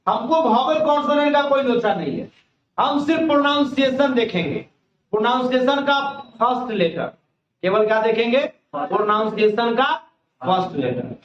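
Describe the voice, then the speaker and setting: A man's voice: extremely high pitch, lively intonation, normal speed. A male grammar teacher giving a colloquial classroom lecture, explaining step by step and asking and answering his own questions. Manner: folksy, colloquial teaching style. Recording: echoey, distant, dull lo-fi classroom recording.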